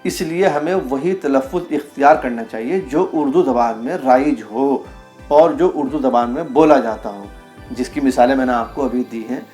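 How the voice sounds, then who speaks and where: A man teaching a video lesson, reading aloud from a book and saying example words slowly and carefully. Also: medium pitch, a little mellow, soft background music. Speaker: Urdu language teacher.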